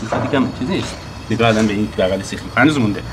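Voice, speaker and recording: A woman with a strikingly deep, low voice speaks in a casual home video. She gently coaxes and steers a small child through each step at an outdoor grill. The phone recording carries a clear wash of background noise. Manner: coaxing, encouraging instructions to a child. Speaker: parent filming a child. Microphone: phone camera.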